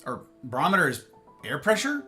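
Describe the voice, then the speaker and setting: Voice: mid-range voice, wildly swooping pitch, fairly quick, sharp tone, soft background music. A live streamer host chatting casually with viewers in a playful, rambling way, full of silly slang.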